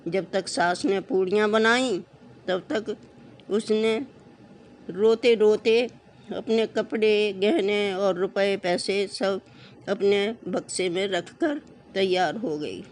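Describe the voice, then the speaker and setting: A woman narrating a folk tale as a storyteller, in a slow, even way with small slips. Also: medium pitch, a little hiss or hum.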